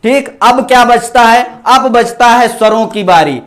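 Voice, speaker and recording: Working through Sanskrit sounds letter by letter, a man with a very high voice teaches an online exam-preparation class. He answers the questions he asks after a brief pause and takes moments to acknowledge viewer comments with thanks.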